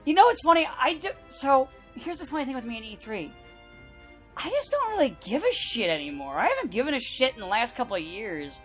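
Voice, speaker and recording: A woman casually commenting on a fighting game as she plays, animated and swearing freely. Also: high-pitched, a little fast, faint music behind. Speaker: let's play commentator. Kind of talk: casual gaming chat.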